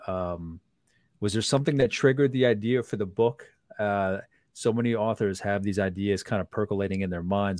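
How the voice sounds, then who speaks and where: Low-voiced male host, dry close sound. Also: a little mellow, dry recording. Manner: rambling questions with many fillers and restarts. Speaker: podcast host. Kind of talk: interview questions.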